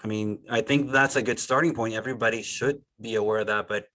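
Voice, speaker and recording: A man's voice: fairly low pitch, fairly even intonation, quick pace, pushed and bright, low-quality recording. A man co-hosting a podcast, chatting casually over a video call, rambling with lots of fillers and restarts. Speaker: podcast co-host. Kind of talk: casual group discussion. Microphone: remote video call.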